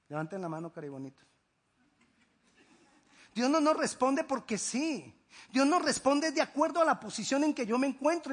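High-voiced husky preacher man. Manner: emphatic preaching, swinging between loud declarations and hushed asides. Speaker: pastor. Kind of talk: sermon.

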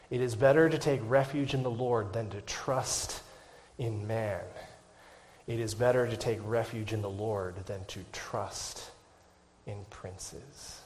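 A male pastor preaches to his church in a lowish voice, with a little hiss or hum in the recording. He swings from hushed, whispered lines to loud, impassioned climaxes, then closes in prayer.

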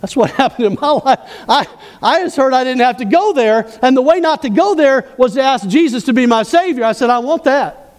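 A man's voice: extremely high pitch, expressive, a little fast, big-room sound. A man preaching a sermon as pastor, asking the congregation questions as he goes.

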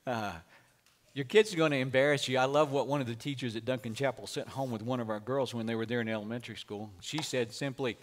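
A man's voice: medium pitch, fast. Folksy preacher man. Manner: folksy storytelling preacher, lively delivery. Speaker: pastor. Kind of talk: sermon.

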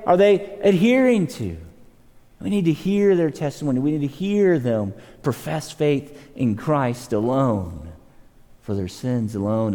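Male pastor, sermon, earnest, emphatic, slightly high voice, long hall reverb. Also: darkish tone. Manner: earnest, repeats words, rises and drops in pitch for emphasis.

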